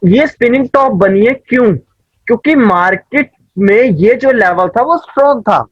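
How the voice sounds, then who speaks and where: A man's voice: extremely high pitch, lively intonation, normal speed, slightly rough, no echo, lo-fi sound. A man teaching a trading class over a video call, explaining step by step and often checking that his student understands. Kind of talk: live online class.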